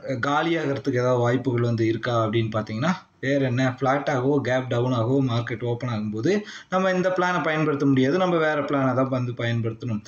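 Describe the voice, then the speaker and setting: A Tamil-accented man explains a chart in a steady voice-over lesson. He reads out price levels one after another and keeps checking that the listener is with him. The sound is roomy and slightly dull. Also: medium pitch, fast talker. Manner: reads out long price figures in a steady list. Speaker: stock market trading teacher. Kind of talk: screen-recorded chart lesson. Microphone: voice-over on a screen recording.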